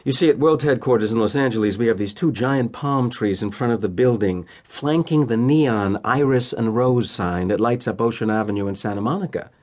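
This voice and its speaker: An actor with an American accent playing a cynical, polished middle-aged corporate executive in an audio drama monologue, wry and deliberate with emphatic pauses. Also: male voice, mid-range voice, a little mellow, close to an everyday voice. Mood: wry, confiding. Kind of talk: theatrical first-person dramatic monologue.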